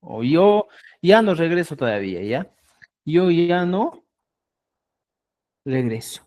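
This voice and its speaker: Slow, mellow-voiced language teacher. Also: medium pitch, sing-song. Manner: slow, repetitive, checks understanding with frequent "¿ya?"; spells out example phrases syllable by syllable. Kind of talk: online class lecture.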